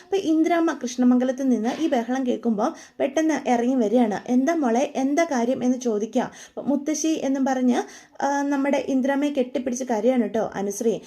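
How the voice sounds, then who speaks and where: A woman's voice: high voice, fast, mellow. A woman casually retelling a TV serial's plot in a chatty way, with frequent tag fillers.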